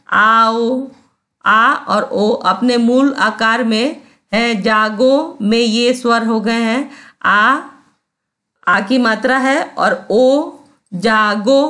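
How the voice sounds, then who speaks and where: A woman's voice: fairly high pitch, slow pace, a bit bright. A woman teacher giving a grammar lesson, patient, repeating sounds and often checking that students understand.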